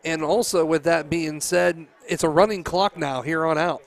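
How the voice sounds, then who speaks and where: Man, sports commentator, high voice, gravelly, chatty, laughs often, local football broadcast. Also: fairly even intonation, normal speed.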